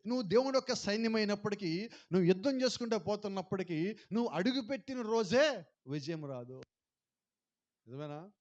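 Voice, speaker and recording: A male pastor preaching a sermon, mixing in English phrases and urging the congregation to respond louder. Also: on the high side, muffled recording.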